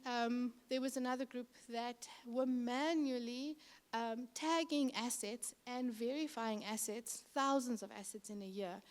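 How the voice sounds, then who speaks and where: Woman, Cape Town South African accent, high voice, middle-aged, conference presentation, relaxed chatty delivery with fillers. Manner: conversational with frequent fillers. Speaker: city infrastructure manager.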